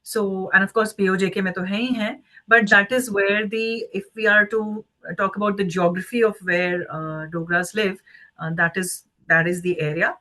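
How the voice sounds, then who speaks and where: A woman's voice: mid-range voice, fairly even intonation, brisk, sharp tone, low-quality recording. A woman from Jammu with an Indian accent, explaining things earnestly and articulately in an interview, switching between two languages. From Jammu region, India. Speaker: interview guest.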